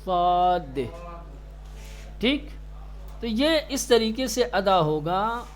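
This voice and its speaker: High-voiced guy teaching quran pronunciation in class, drags out letter sounds, pretty strict with the kids. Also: expressive. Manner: drawn-out demonstrations of letter sounds; stern, scolds students sharply. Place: classroom with students.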